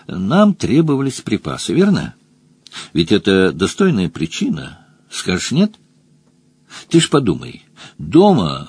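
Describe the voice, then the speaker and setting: A man voicing a sly, talkative male otter rogue in an audiobook, with rough, slangy, wheedling speech. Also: mid-range voice, a little mellow, dry recording, pitched above the performer's own voice, full character voice. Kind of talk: audiobook character voice.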